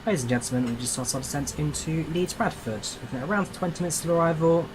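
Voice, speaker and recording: A man's voice: fairly high pitch, fast talker, close to an everyday voice. A man playing an airline captain giving a polite, formal plane cabin announcement to passengers. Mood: courteous, informative. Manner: polite, formal scripted phrasing. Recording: steady background noise, cabin ambience.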